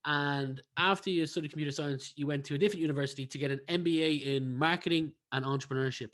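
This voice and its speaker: A man's voice: on the high side, fairly even intonation, fast talker, fairly bright tone. A man hosting a podcast interview, chatty and friendly. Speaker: podcast host. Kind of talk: casual interview.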